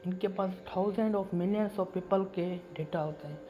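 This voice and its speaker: A man's voice: high-pitched, takes it slowly, dull audio, slight background noise. A man from Pakistan, talking casually to camera as a YouTuber, emphatic and repeating himself. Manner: repetitive and emphatic, circles back to the same points. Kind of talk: casual vlog monologue.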